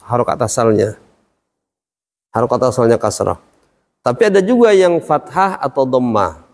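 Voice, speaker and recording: Brief: male religious teacher, mid-pitched, questioning, long hall reverb. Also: animated, moderate pace, darkish tone. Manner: questioning, explains step by step. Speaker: Quran recitation teacher. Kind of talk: classroom lesson.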